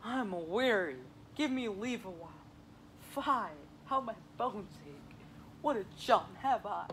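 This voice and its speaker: A man's voice: high-pitched, expressive, measured pace, a little hiss or hum. A teenage boy playing a weary, teasing old woman nurse in a school Shakespeare reading, drawing out complaints about her aches. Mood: complaining. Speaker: student actor.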